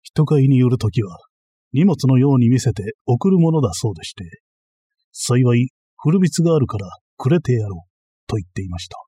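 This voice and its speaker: A man voicing a calm, unflappable young male messenger, delivering everything flatly and matter-of-factly. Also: medium pitch, brisk, husky, no room sound. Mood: deadpan. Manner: flat, matter-of-fact delivery.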